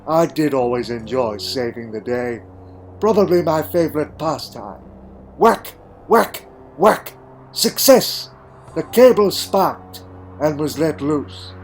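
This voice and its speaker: A man's voice: a little high, animated, a little hiss or hum. A man playing an eccentric, wry Time Lord adventurer, delivering a theatrical, brooding monologue in a fan audio drama. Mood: defiant, dramatic. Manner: theatrical, brooding, with dramatic pauses and sudden exclamations.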